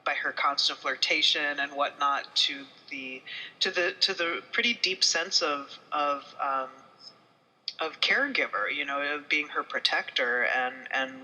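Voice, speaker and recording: A woman's voice: low voice, measured pace, pushed and bright, low-quality recording. A woman co-hosting a podcast and reviewing books, rambling with lots of fillers and self-deprecating jokes. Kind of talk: casual podcast chat.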